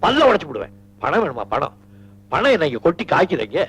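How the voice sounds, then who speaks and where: A man's voice: on the high side, wildly swooping pitch, quick pace, a bit bright, slightly rough, heavily acted, poor audio. An actor playing an indulgent, teasing father of grown daughters, with playful, theatrical scolding in 1980s film dialogue.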